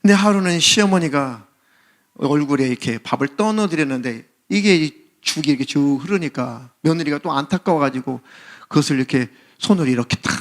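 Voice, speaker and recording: A man's voice: a little high, a bit bright. A man preaching as senior pastor, telling a story animatedly and acting out its characters. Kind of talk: sermon.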